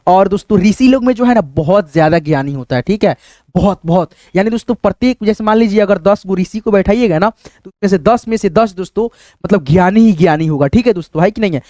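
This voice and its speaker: A man teaching the alphabet to beginners slowly and patiently, asking questions and answering them himself, with a friendly word for the audience in nearly every sentence. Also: high-pitched, a little mellow, no room sound, studio quality.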